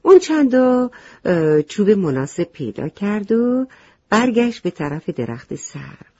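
Woman, children's story reading, gentle, speaks to children, warm voice, dull sound. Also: mid-range voice, big pitch swings, slightly rough, no room sound. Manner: gentle, addresses children directly. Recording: slightly muffled lo-fi recording.

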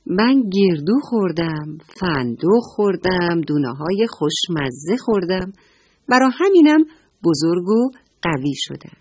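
A jolly male squirrel boasts cheerfully, as a woman acts him out in a children's storybook voice. The breathy delivery jumps up and down in pitch. It sounds dry and close. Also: big pitch swings, a little mellow, no room sound.

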